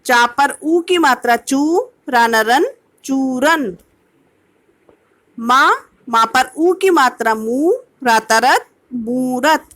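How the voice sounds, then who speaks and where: A woman teacher leads an online lesson for young children. Her voice sits high and light. She moves at an unhurried pace, sounding out each word piece by piece with steady patience. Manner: slow, patient syllable-by-syllable sounding out of words. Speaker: primary school teacher. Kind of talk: online kindergarten Hindi lesson.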